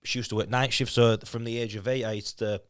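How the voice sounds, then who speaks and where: A Lithuanian man in his thirties, guesting on a podcast, talks candidly and casually, swearing and restarting his words a lot. His English has a Yorkshire accent though Lithuanian is his first language, and his medium-pitched voice is steady, smooth, fairly bright and fast. The podcast-mic recording is clean studio sound with no echo.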